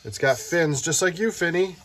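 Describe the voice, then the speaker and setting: At a tabletop indoors, with the book shot from overhead, a father hosting a read-aloud chats casually and playfully, keeping explanations simple for a child. His voice is on the high side, lively in intonation, at a normal pace.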